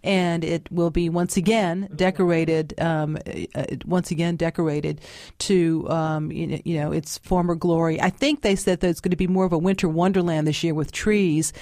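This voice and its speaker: A woman's voice: fairly low pitch, fairly even intonation, normal speed, warm tone, dry recording. A woman, a guest chatting casually in an interview with many fillers and restarts. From New Orleans. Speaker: guest author.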